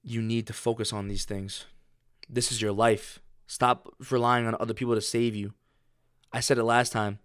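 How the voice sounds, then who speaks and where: A man's voice: mid-range voice, level tone, normal speed, fairly bright tone, smooth, dry recording, clean studio sound. A young man giving a blunt, profane motivational pep talk, pushy and repetitive. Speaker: motivational speaker.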